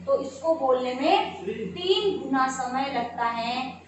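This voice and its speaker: A woman's voice: high voice, expressive, slow pace. A young woman teacher explaining a lesson, asking questions and answering them herself, repeating key terms. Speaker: school teacher. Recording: echoey room, voice far from mic, audible noise.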